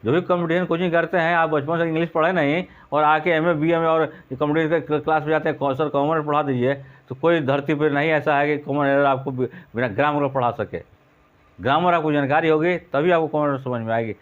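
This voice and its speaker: Guy teaching grammar, fairly high voice, keeps asking then answering his own questions, dull lo-fi sound. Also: steady tone. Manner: asks questions and answers them himself; repeats words slowly for emphasis. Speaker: English teacher. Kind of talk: lecture. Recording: dull lo-fi recording.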